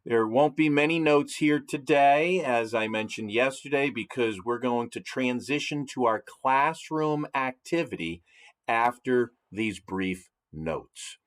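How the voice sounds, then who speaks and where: A man teaching a chemistry lesson to his students, walking them through the notes deliberately and stopping often to ask them questions. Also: mid-range voice. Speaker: science teacher. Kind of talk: recorded classroom lecture.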